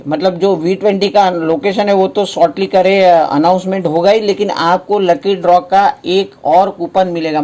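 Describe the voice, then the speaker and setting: Indian guy walking thru a promo offer, soft mellow voice, explains stuff over and over, asks then answers. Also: high voice. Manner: explanatory, repeats and rephrases points, poses questions then answers them. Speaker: presenter explaining a sales promotion. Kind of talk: casual slide-by-slide explainer with promotional pitch.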